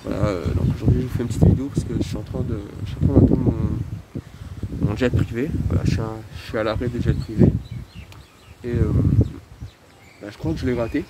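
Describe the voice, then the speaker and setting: Casual male vlogger, mid-pitched, masked, hesitant and drily grumbling, recorded at a noisy roadside with loud vehicles. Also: fairly even intonation. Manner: halting, hesitant, wry grumbling with mild swearing. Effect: speaking through a face mask. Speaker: video creator talking to followers. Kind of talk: casual rambling solo vlog. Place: outdoors by a roadside bus stop. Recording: loud outdoor street and vehicle noise.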